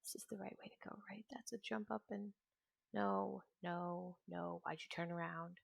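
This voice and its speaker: Streaming a video game, a twentysomething woman rambles in casual chat and now and then drifts into muttering to herself. She speaks at a normal speed in a fairly low, gravelly voice with fairly even intonation, and the recording has no room sound.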